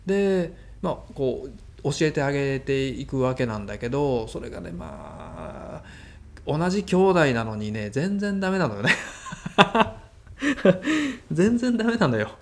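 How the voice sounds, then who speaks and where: A man with a Kansai accent, a guest mentor recounting work stories in casual conversation, animated and chuckling. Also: mid-range voice, normal speed, gravelly. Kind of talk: conversational storytelling.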